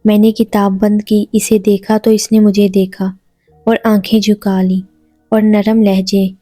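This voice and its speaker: A woman narrating a first-person romantic audio story in an even, unhurried reading voice. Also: mid-range voice, dry recording, faint music behind.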